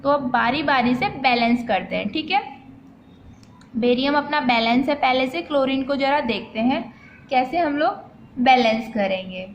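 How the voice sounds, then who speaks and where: A woman's voice: high voice, moderate pace, dull audio, slight background noise. A woman teacher, explaining chemistry step by step and asking and answering her own questions, as if to children. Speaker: science teacher.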